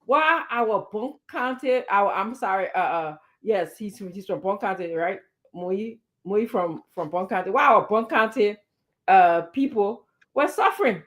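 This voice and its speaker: A Liberian woman delivers impassioned political commentary on a talk show, emphatic and indignant, repeating words and firing pointed rhetorical questions. Her mid-range voice is expressive, unhurried, and fairly bright.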